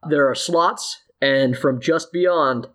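A man's voice: fairly high pitch, slow pace, a bit bright. A man narrating an improvised tabletop fantasy game as game master, descriptive and feeling his way through scenes.

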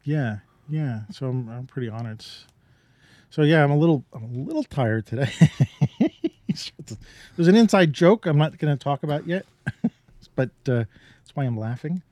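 A man's voice: on the high side, expressive, moderate pace, a little mellow, no echo. Rambling man chatting on a podcast. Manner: rambling, hesitant, many restarts and fillers. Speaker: podcast co-host. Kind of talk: casual chat.

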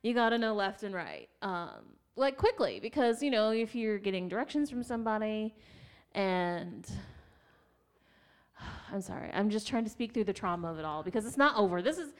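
A woman hosting a casual chat, telling stories in an animated way and laughing often. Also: medium pitch, moderate pace. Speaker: podcast host.

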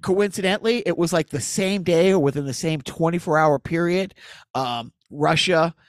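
A man's voice: on the high side, normal speed, dry recording, studio quality. A man co-hosting a casual podcast, rambling with lots of restarts and asides. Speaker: podcast co-host. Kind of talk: casual chat.

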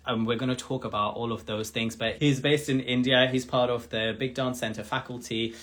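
A podcast host who is recovering from a cold speaks in a mid-range, slightly nasal voice that is a bit bright, steady in tone, and a little fast. He introduces the show and conducts an interview in an informal, effusive, chatty way.

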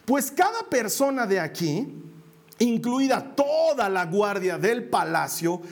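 A preacher playing the apostle Paul as a joyful, defiant prisoner speaking boldly in the first person during a sermon. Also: male voice, high-pitched, sing-song, slow pace, full character voice. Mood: cheerful defiant. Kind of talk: sermon role-play.

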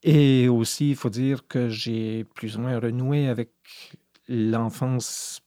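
A man's voice: medium pitch, steady tone, mellow, dry recording, clean studio sound. A middle-aged man with a Brayon Acadian French accent from northwest New Brunswick, speaking thoughtfully with many hesitations in a podcast conversation. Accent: Acadian French, Brayon (Madawaska). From Madawaska, New Brunswick, Canada. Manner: thoughtful, measured, with frequent "euh". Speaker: poet guest.

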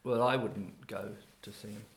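A man's voice: fairly low pitch, steady tone, moderate pace. Older man telling rambling stories. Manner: rambling storyteller, chuckles often. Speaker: comedian guest. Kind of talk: casual chat.

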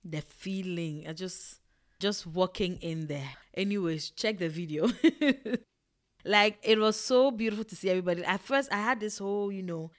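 A young woman from Ghana and Togo, telling a personal story in a casual vlog, animated and repetitive. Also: on the low side, moderate pace.

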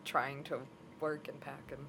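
A woman's voice: sits low, little pitch movement, a little slow, vocal fry. A young adult woman chatting casually, blunt and offhand, swearing freely. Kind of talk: casual chat. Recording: noisy recording.

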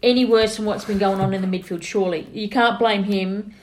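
A woman's voice: mid-range voice, steady tone, fairly quick, poor audio. A woman with an Australian accent co-hosting a casual football chat, colloquial and full of opinions. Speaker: football podcast co-host.

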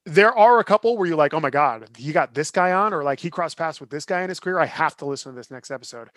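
Casual male podcast co-host, slightly high, eager, stumbles into restarts, dry close sound. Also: expressive, fast talker, fairly bright tone, no room sound. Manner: enthusiastic, restarts sentences often. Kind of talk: casual chat.

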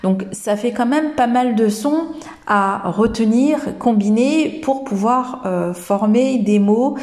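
Woman, podcast teacher, slow-paced, mellow tone, hesitant with fillers. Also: on the high side. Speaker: English teacher and podcast host. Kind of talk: podcast lesson in French.

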